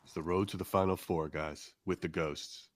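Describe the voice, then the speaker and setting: A man's voice: low voice, steady tone, normal speed. A man co-hosting a live paranormal stream, steering the group toward decisions and reading the chat aloud. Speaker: co-host.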